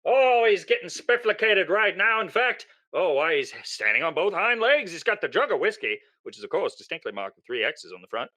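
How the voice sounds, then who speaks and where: A man playing an excitable old-time farmer on a comedic 1920s-style radio parody, rambling with folksy exclamations. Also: high-pitched, fairly quick, few pauses, heavily acted. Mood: delighted. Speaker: co-host playing a hapless farmer.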